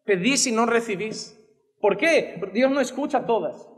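This Spanish-accented pastor from Spain, a man in his thirties, speaks in a very high-pitched voice with lively intonation and an unhurried pace. He preaches with passion and wide arm gestures from behind a wooden pulpit on a church stage, captured by a pulpit gooseneck mic in a big-room space.

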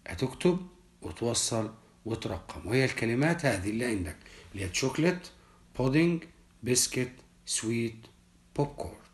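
A man, teaching a children's English lesson and explaining each word slowly and carefully. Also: medium pitch, expressive. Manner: slow, deliberate, repeats each word for children. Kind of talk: primary school English lesson, explained in Arabic.

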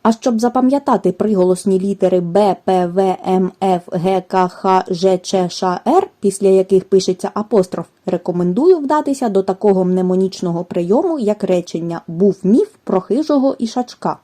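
Woman, language teacher, scripted lesson, careful and measured delivery, warm mellow tone. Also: mid-range voice. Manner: careful, measured, spells out letters and examples. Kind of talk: scripted educational narration.

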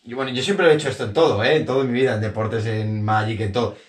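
Man, 30s, from Spain, interview host, rapid chatty talk, echoey small room, camera mic at a distance. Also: medium pitch. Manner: chatty, animated, gesturing with hands, many fillers and restarts. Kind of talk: casual sit-down interview. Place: small bedroom sitting on a sofa. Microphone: camera on a tripod a few feet away.

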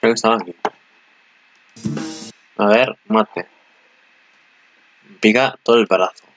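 Excitable bright-voiced Spanish man. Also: on the low side, slow, muffled recording, soft background music. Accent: Peninsular Spanish. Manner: excitable, swears freely. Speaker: anime commentator. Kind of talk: casual video commentary.

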